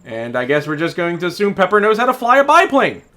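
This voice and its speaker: Animated, sarcastic man with a bright voice. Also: high voice, quick pace. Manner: exasperated, sarcastic, profane. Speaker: game reviewer. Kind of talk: sarcastic video game commentary.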